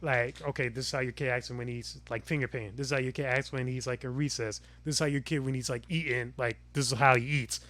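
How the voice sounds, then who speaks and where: A man's voice: steady tone, fast, few pauses, a bit bright. A young man co-hosting a podcast, rambling through childhood memories with lots of fillers and trailing-off phrases. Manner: rambling, filler-heavy, drops low when thoughtful. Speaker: podcast co-host. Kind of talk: casual chat.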